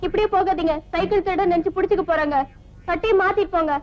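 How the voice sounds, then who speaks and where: A woman's voice: very high-pitched, fast. An actress playing a worried young wife who pleads with her husband, in a 1980s film, on a muffled old film soundtrack. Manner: anxious and pleading. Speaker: wife of the hero.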